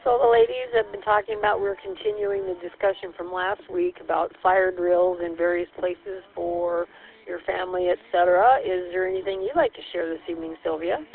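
A woman's voice: fairly low pitch, expressive, brisk, vocal fry. A woman acting as net control over a walkie-talkie, calling stations by call sign and answering with radio procedure. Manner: procedural radio talk with call signs and "copy that". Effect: heard over a walkie-talkie radio. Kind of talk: radio net check-in chat. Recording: tinny two-way radio with faint hiss.

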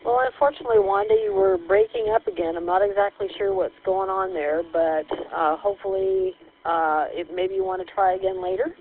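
A woman's voice: mid-range voice, expressive, a little fast, gravelly, few pauses, dry recording. A woman acting as net control over a walkie-talkie, calling stations by call sign and answering with radio procedure. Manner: procedural radio talk with call signs and "copy that". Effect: heard over a walkie-talkie radio. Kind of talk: radio net check-in chat. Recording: tinny two-way radio with faint hiss.

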